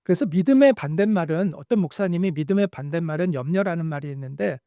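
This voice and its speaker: Male pastor, high voice, dry close sound, lively sermon storyteller. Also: fast talker, no room sound. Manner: animated storytelling, acting out quoted lines.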